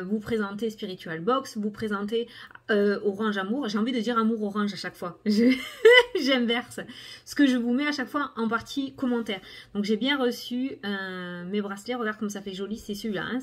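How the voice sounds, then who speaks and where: A middle-aged woman hosting a casual review video, chatting with lots of fillers while showing items to the camera. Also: mid-range voice. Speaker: cartomancy video host. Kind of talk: casual product review chat.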